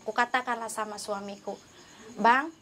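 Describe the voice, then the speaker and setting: A woman's voice: on the high side, fairly even intonation, moderate pace, fairly bright tone. A woman giving an earnest, emotional testimony, pleading as she acts out her own prayers and conversations. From North Sumatra, Indonesia.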